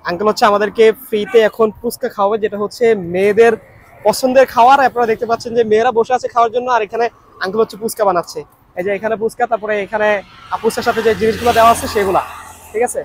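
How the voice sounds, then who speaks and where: A man's voice: sits high, fairly even intonation, rapid-fire, a little hiss or hum. A man with a Noakhali accent, teasing a street vendor in casual vlog chat outdoors. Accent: Noakhali Bengali. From Noakhali, Bangladesh. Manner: playful, teasing banter. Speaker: travel vlogger. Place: outdoors at a street food stall.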